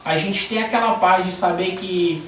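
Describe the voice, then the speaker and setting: A man's voice: sits high, moderate pace. A man leading a small church cell group, giving an informal sermon with a personal testimony, telling it animatedly with frequent fillers and restarts. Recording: echoey room, distant mic, faint noise.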